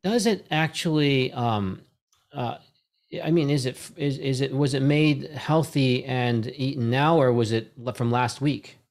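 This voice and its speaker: A man's voice: mid-range voice, a little slow. A middle-aged man speaks into a desk microphone at home, chatting on a video call. His talk rambles, circling back with restarts and checking in with little "right?" tags as he builds a point. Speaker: host. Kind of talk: casual video call conversation. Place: home room with bookshelves. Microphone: desk microphone on boom arm.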